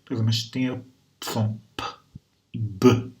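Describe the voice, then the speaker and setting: A man's voice: medium pitch, fairly even intonation, moderate pace, a little mellow, faint music behind. A Brazilian man teaching English grammar and pronunciation, patiently repeating sounds and words to demonstrate them. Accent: Brazilian Portuguese. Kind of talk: recorded class lesson.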